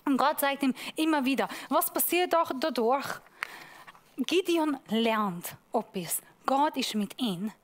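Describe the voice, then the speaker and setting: A woman pastor giving a sermon, preaching emphatically and slowing down to stress key points. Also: fairly high pitch. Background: music.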